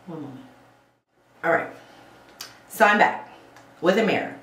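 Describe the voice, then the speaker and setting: Chatting to her viewers at a bathroom sink, a beauty vlogger demonstrates a casual routine and keeps asking "okay?". Her fairly low voice is expressive and a bit bright at a measured pace, recorded with roomy echo and faint ambience.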